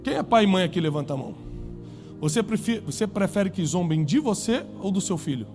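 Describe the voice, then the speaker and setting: Before a live congregation, this male pastor preaches fairly quickly and with real animation. His high, ringing voice swells into loud peaks, then sinks into hushed, low stretches, all over a faint bed of soft music.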